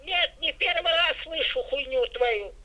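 A woman's voice: high-pitched, measured pace, sharp tone. An older woman on a phone call, blunt, suspicious and swearing constantly. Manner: foul-mouthed, suspicious and blunt. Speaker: prank call target. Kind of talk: phone conversation. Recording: tinny phone line.

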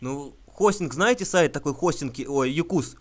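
A man making a prank phone call, talking in a deadpan, mock-earnest way and stumbling over words. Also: a little high, normal speed. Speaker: prank caller.

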